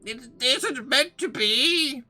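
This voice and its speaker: A performer voicing a prim, fussy rabbit from a storybook, who speaks with drawn-out emphasis. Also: high voice, expressive, sharp tone, soft background music, pitched above the performer's own voice, full character voice. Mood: evasive, annoyed.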